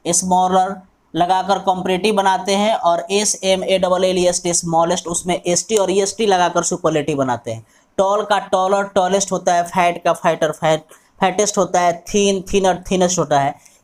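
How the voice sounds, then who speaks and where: A man with an Indian English accent, teaching an online English lesson in Hindi mixed with English. He spells words out letter by letter and repeats his questions to the class. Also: high-pitched.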